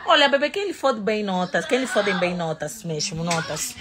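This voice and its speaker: A woman's voice: mid-range voice, big pitch swings, moderate pace, noisy background. A young woman and mother chatting casually in a gossip vlog, rambling and outspoken with her opinions.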